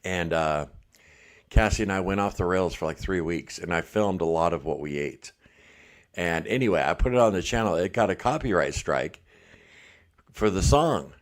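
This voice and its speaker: A middle-aged man hosts a casual livestream, chatting and reading comments in a low-pitched voice at normal speed. He's relaxed and chatty, laughing often, and sounds a little congested, with a blocked ear.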